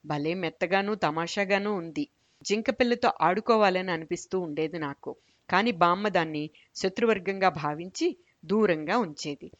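Low-voiced woman telling a story. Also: normal speed, dry recording. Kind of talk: storybook narration. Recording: dull lo-fi recording.

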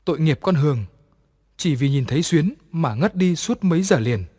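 A man narrates a ghost story at a measured, even pace. His voice sits a little higher than most men's, and a long reverb hangs behind every line. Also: slightly rough.

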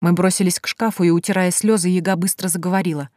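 A woman narrating an audiobook in steady scripted storytelling. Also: lowish voice, fast, no room sound, studio quality.

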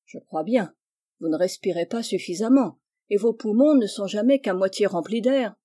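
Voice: medium pitch, normal speed, dark tone, lightly acted. A reader doing a firm doctor uncle. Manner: firm, instructive reading. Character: kind, firm middle-aged male doctor uncle.

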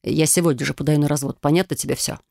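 A woman's voice: deep voice, fairly even intonation, quick pace, gravelly, darkish tone, no echo, studio quality, voice pushed down. A woman reading an audiobook, voicing a cold, contemptuous husband who talks bluntly and scornfully. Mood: harsh. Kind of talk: audiobook character voice.

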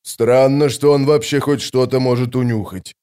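A man narrating an audiobook, voicing a gruff, grumbling male sapper. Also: medium pitch, fairly even intonation, moderate pace, mellow, lightly acted. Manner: grumbling, blunt.

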